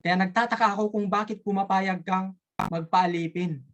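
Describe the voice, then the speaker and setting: A storyteller voicing a calm old grandfather, Ilonggo accent. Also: mid-range voice, normal speed, natural voice. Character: calm old grandfather who saw everything.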